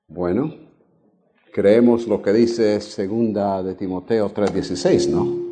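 This older Honduran guest preacher, his accent now faded, leads a Bible study for a congregation in a church sanctuary. His voice is on the low side with a dark tone, and he proceeds in a measured way, lengthening important words and questioning those listening.

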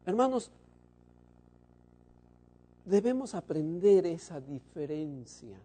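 A man preaching a sermon to his congregation, shifting between loud emphasis and soft, low asides. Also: very animated, takes it slowly, slightly rough.

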